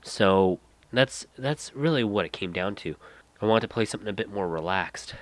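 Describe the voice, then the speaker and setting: A man with a lowish, expressive voice hosts a podcast alone, sounding blocked-up and nasal from a head cold. At a moderate pace he meanders, letting sentences fade out and then starting them over, and the recording has no echo.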